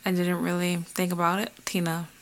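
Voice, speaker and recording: A woman's voice: lowish voice, level tone, fairly quick. A young woman co-hosting a casual podcast chat, giving brief, dry replies. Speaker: podcast co-host.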